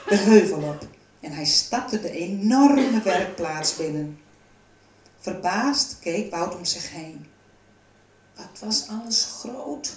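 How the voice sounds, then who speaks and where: A woman reads a children's storybook aloud in a calm, even way. Her voice has a middling pitch. It is recorded in a roomy space, a little off the mic. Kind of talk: storybook reading. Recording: roomy, from a distance.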